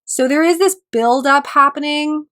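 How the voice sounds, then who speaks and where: A woman astrologer gives a reflective solo talk, pausing and clearing her throat because her voice is still recovering from a cold. Her voice sits high, with a fairly bright tone.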